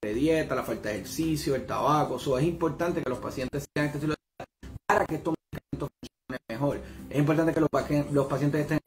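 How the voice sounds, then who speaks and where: A man's voice: on the high side, fast. A middle-aged man, a rheumatologist giving an educational talk to patients, hesitant with many fillers.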